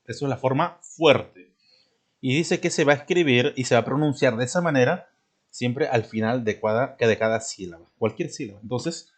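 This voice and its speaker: Patient man teaching a spelling lesson. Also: medium pitch. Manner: checks in constantly with "¿de acuerdo?" and "¿no?"; clears his throat often.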